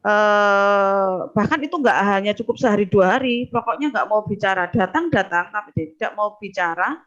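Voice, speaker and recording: Halting woman. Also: mid-range voice, fairly bright tone, soft background music. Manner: halting, with many fillers. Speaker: head of a culinary school, panel speaker. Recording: dull lo-fi sound.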